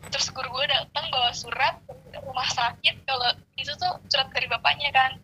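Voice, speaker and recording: High bright-voiced woman. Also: brisk, slight background noise, low-quality recording. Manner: animated, slangy, swears casually. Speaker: storyteller. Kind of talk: casual chat.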